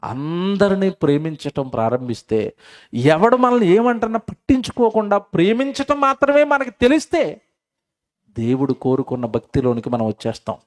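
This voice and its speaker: A man preaching, his voice sitting high and swinging widely up and down. He throws questions at the congregation and answers them himself, and he repeats lines for weight. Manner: repeats phrases for emphasis. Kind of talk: sermon.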